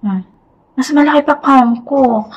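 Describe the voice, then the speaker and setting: Young teacher-mom, slightly high, husky voice, near-whisper, chatty home vlog. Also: female voice, measured pace, lo-fi sound. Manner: talks softly, near a whisper, at night; chatty, mixing Tagalog and English. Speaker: teacher reviewing a lapel mic. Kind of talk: casual product review vlog. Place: home at night.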